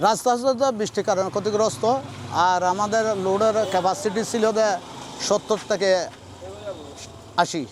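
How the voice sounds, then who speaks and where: A man's voice: high-pitched, flat delivery, normal speed, pauses often, background noise. A man road works worker explaining plainly in an outdoor street interview.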